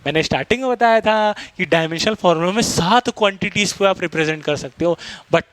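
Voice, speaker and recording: Man, physics teacher, fast-talking, quizzing questions, high-pitched voice. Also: a bit bright, no echo. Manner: fast-talking, quizzes students, mixes Hindi and English terms. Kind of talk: classroom lecture.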